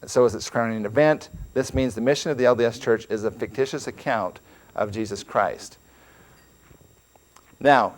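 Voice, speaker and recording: A man speaks in an earnest, emphatic way, delivering a religious lecture to a congregation. His pitch sits at a middle level, and he often repeats words as he goes. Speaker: church speaker.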